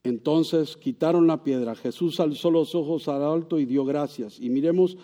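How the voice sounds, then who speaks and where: A man giving a sermon as pastor, asking rhetorical questions and swinging from loud, high passages to soft, low ones. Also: normal speed.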